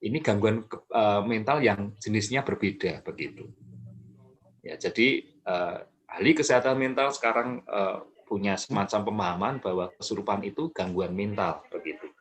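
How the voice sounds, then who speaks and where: A man explaining a topic calmly as an expert guest, with frequent fillers and self-corrections. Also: on the low side, moderate pace, slight background noise. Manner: calm, explanatory, many fillers and restarts. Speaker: mental health expert guest. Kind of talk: explanatory talk.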